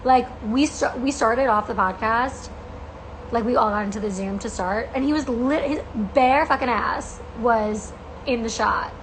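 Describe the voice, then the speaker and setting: An American woman in her twenties with creaky vocal fry, chatting casually to fans on a livestream in a gushing, emphatic, slangy way. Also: a little high, unhurried, slight background noise, poor audio. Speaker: podcast host and coach.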